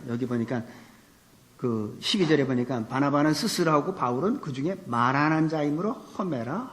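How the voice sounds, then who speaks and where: A male pastor giving an animated sermon, asking rhetorical questions and raising his voice for emphasis. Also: fairly high pitch. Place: church sanctuary. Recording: long reverb of a church hall.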